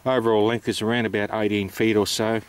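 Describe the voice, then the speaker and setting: A man's voice: fairly low pitch, little pitch movement, fast talker, clean tone. A man with an Australian accent giving an informal, matter-of-fact explanation, hesitant and unscripted as he goes. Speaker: amateur radio operator presenting.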